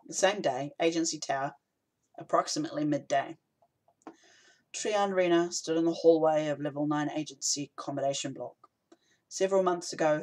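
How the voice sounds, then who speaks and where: Brief: male audiobook narrator, steady and even scripted reading. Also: fairly high pitch, rough recording.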